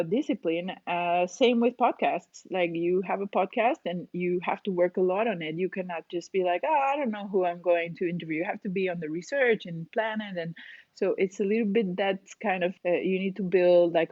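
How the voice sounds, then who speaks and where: On a dry, lo-fi recording, a medium-pitched woman in her forties talks casually as a guest interviewee. As a cave diving instructor, she explains in a chatty manner and frequently laughs.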